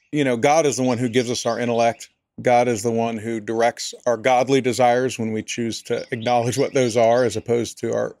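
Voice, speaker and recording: A man's voice: mid-range voice, darkish tone, dry recording. A man, a pastor, answering interview questions in an earnest, thoughtful way, often restarting his sentences. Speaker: pastor and area director, podcast guest.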